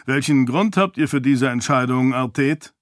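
A man playing a stern high priest. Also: moderate pace, dry recording, studio quality, natural voice. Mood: commanding. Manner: commanding, formal.

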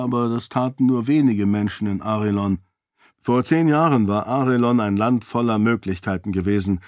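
A man reading audiobook narration in a measured, even storytelling manner. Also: lowish voice, no echo, clean studio sound.

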